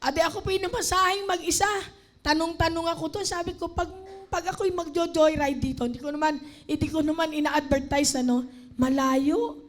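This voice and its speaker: High-voiced Filipino woman preaching. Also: fairly even intonation, brisk. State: tired, strained voice. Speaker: lay preacher. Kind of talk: sermon. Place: church.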